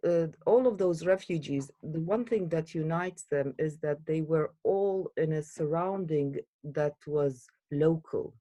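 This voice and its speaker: A woman from Iraq, a guest in an interview, speaking earnestly and hesitantly with many pauses and fillers. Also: low-pitched, mellow, dry recording.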